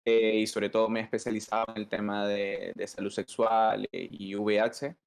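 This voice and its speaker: Male doctor guest, lowish voice, reflective and hedging. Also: little pitch movement, normal speed, vocal fry, clear, resonant tone. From Venezuela. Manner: thoughtful, hedging, with fillers. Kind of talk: interview answers.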